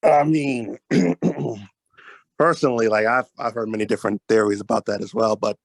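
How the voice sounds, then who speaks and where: A man, a deacon, giving his view on a podcast in a measured, hesitant way. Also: on the low side, no room sound. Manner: measured, hesitant, clears throat. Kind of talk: casual discussion.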